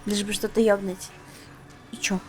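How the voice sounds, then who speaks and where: A woman's voice: mid-range voice, level tone, normal speed, soft background music. A young woman casually commenting on a game she is streaming, playful and crude, muttering to herself. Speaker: streamer playing a video game.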